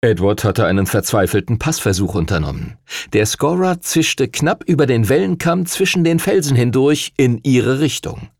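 Man, audiobook narrator, gravelly, lively intonation, dry close sound. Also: medium pitch, normal speed, no room sound. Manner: expressive, dramatic.

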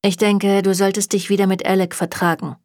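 A woman's voice: mid-range voice, little pitch movement, fairly quick, darkish tone, no room sound, studio quality, natural voice. A woman reading a German audiobook, voicing a cocky, blunt young male demon hunter with a teasing way of talking.

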